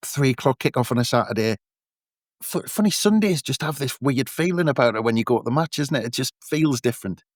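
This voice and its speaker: A man's voice: mid-range voice, expressive, fairly quick, no room sound, clean studio sound. A man casually hosting a football podcast and introducing his guests. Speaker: podcast host.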